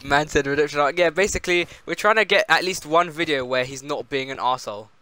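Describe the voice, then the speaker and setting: A man's voice: a little high, fast, sharp tone, clean tone. A young man hosting a casual gaming session, joking, laughing and swearing freely with a friend. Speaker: gaming channel host.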